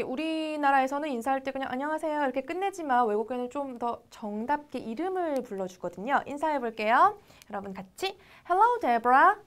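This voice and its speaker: A lively woman with a high voice teaches a recorded English lesson for Korean learners. She explains in Korean, then models English lines, reading the phrases very slowly so listeners can repeat them.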